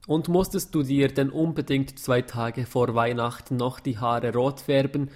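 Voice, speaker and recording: A man's voice: mid-range voice, steady tone, measured pace, darkish tone, natural voice. A man reading a story, voicing a strict middle-aged mother who scolds and fusses over her daughter. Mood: scolding. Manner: scolding, bossy.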